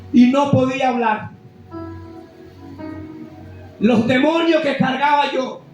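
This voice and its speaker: A man preaching an impassioned, shouted testimony sermon as an evangelist in a church. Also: extremely high pitch, very echoey, far from the mic.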